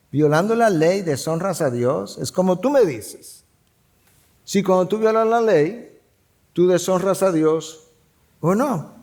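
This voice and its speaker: A man's voice: high voice, a little mellow. A middle-aged male pastor preaching a sermon, teaching through pointed rhetorical questions.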